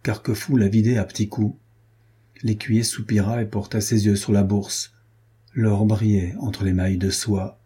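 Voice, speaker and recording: A man narrating an adventure novel as an audiobook, in a measured, even storytelling way. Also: fairly low pitch, breathy edge.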